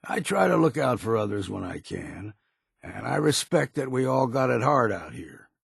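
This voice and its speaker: Old Longfellow, gravelly old seafarer. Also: male voice, medium pitch, sing-song, moderate pace, no room sound, studio quality, full character voice. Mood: troubled, reproachful. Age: older. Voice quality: gravelly, raspy. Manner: plain-spoken, folksy, curmudgeonly. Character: gruff, stubborn old seafarer, weary but loyal. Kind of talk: video game character dialogue.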